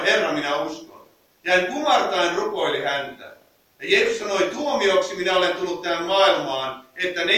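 A man's voice: high-pitched, pushed and bright. A man preaching a sermon, reading scripture aloud and then explaining it in his own words, with fillers and restarts. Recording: echoey room heard from a distance.

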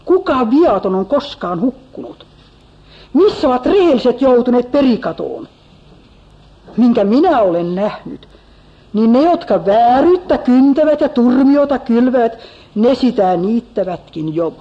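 A woman's voice: a little high, big pitch swings, hardly any pauses. A woman voicing a lecturing, self-righteous male comforter from a biblical story, in a reproachful, preachy manner. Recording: slightly dull lo-fi recording.

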